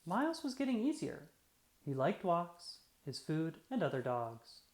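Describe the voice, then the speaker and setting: Reading a picture book to small children, the storyteller uses a mid-range voice and slow, expressive delivery. Echo fills the roomy recording.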